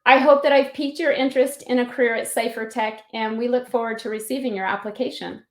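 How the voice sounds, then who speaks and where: A woman working as a recruiter reads a scripted, salesy hiring pitch in a polished way. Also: steady tone, fast talker. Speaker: company recruiter giving a pitch. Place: indoor room on an online video call. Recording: roomy echo on the voice.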